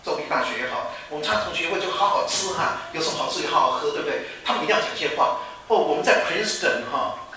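Male pastor, informal sermon, bright forceful tone, faint room hum. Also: on the high side, animated, rapid-fire, few pauses. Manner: chatty, teasing rhetorical questions, laughing asides. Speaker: pastor and former professor. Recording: echoey room from a distant mic.

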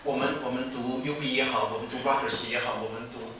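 A man's voice: mid-range voice, steady tone, fast, sharp tone, a little hiss or hum. A male pastor and former professor giving an informal sermon to students, chatty and teasing, with rhetorical questions and laughing asides. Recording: echoey room from a distant mic.

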